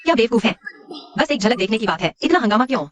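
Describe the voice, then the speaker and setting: A woman's voice: fairly high pitch, sing-song, fast talker, faint music behind. A woman dubbing a clever, scheming young village woman in a drama, wry and self-assured. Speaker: dubbing actor. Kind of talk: dubbed drama dialogue.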